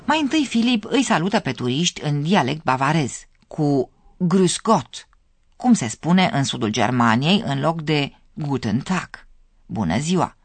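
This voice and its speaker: Radio lesson host, scripted narration, animated intonation, addresses listeners directly. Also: mid-range voice, husky, no room sound.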